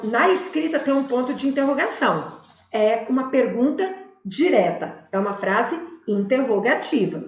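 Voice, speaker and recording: A Brazilian woman, a Portuguese teacher, giving a recorded video lesson and explaining slowly and carefully with spoken examples. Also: on the high side. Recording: echoey room, dull lo-fi sound.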